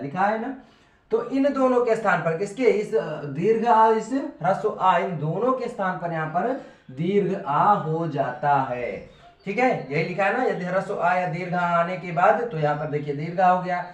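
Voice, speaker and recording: A high-pitched man teaches a patient, step-by-step grammar lesson at a board and keeps checking that the class follows. He sounds far from the microphone, in a noticeably echoey room. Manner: patient, repetitive, checks in with "ठीक है".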